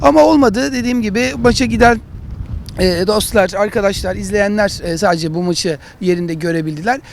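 A man talking through match analysis as a football pundit, in halting, explanatory phrases. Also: high voice, creaky, slight background noise. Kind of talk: analytical studio discussion of matches.

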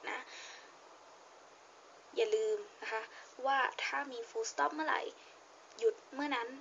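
A woman's voice: sits high, gravelly, a bit bright, muffled recording, slight background noise. A young woman with a Thai accent teaching a reading lesson, patiently repeating her points and stressing words as she reads aloud. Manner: patient, repeats points with frequent polite particles; reads English passage slowly with stressed words. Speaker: English teacher.

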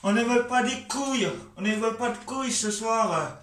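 A man's voice: very high voice, moderate pace, fairly bright tone, distant mic. A man ranting with angry, repetitive venting and swearing in a fed-up football rant. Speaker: vlogger. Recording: echoey room, voice from afar.

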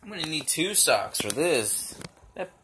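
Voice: medium pitch, a little slow, slight background noise. A vlogger talking casually while playing with a puppy, swearing freely and calling out playful exclamations. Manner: lively, playfully exaggerated exclamations.

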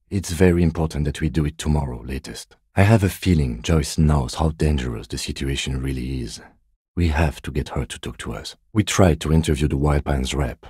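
An actor gives an exaggerated performance as a middle-aged, reserved police detective in a video game, his extremely deep, soft-edged voice sounding husky. The recording is dry and close, with no room sound. He speaks formally and with measure, showing understated, principled restraint.

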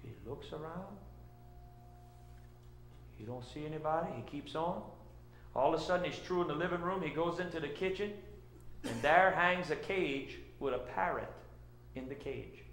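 A middle-aged man with a Cajun accent doing folksy stand-up storytelling in a drawn-out way on a stage. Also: a little high, fairly bright tone, slight background noise. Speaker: comedian. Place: indoor church-like hall, on stage before seated audience. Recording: roomy echo of a live stage.

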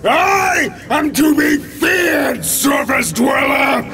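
Xanth, a slow, shouting giant villain. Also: male voice, lively intonation, over music, a crowd in the background, full character voice. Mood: menacing, vengeful. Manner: slow, booming, grandiose proclamations. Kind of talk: old-time radio serial acting.

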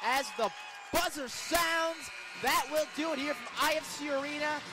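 Over music in an indoor arena, a man with a very high-pitched voice calls basketball live on radio at normal speed. He's an excitable announcer whose voice rises to a shout on big plays.

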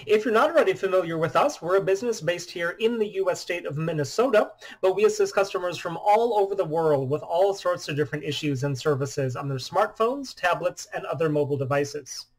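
A man in his thirties, a phone shop owner, explaining a phone demo in a steady, matter-of-fact way from a small room indoors. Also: high voice, a little fast, few pauses. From US Midwest. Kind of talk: product demo vlog.

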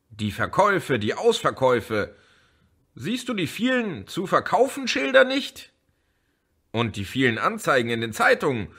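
A man's voice: a little high, pushed and bright, slightly rough, voice pushed up, heavily acted. A man reading an audiobook, voicing an indignant teenage boy who lectures gloomily. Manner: heated, preachy, indignant. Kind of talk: audiobook character voice.

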